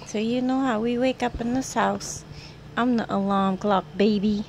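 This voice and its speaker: A woman's voice: a little high, fairly even intonation, moderate pace, creaky, slight background noise. A woman filming at home on a phone, talking doting baby talk to her puppy. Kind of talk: casual home video chat. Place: home bedroom.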